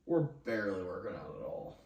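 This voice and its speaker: A man's voice: on the low side, animated, brisk, darkish tone. A young man co-hosting a podcast with casual, crude, teasing banter. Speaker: podcast co-host. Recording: echoey room, distant from the mic.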